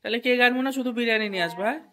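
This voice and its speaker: A woman's voice: fairly high pitch, racing, a bit bright. A woman hosting a casual family vlog at a home meal, chatty and teasing as she talks to viewers. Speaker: vlogger host.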